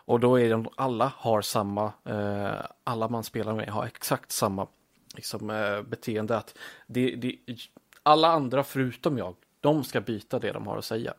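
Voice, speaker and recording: Low gravelly guy, lots of ehs and pauses, volume goes up and down, dry sound. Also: steady tone, no room sound. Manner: hesitant, many fillers, uneven loudness. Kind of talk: casual chat.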